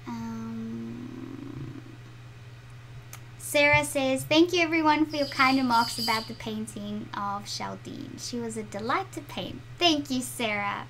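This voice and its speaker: Slow and slightly high, with vocal fry and frequent pauses, a middle-aged South African woman hosts a live-stream drawing chat for her art channel. She reads viewers' comments aloud as she draws in her home studio, with background noise in the audio.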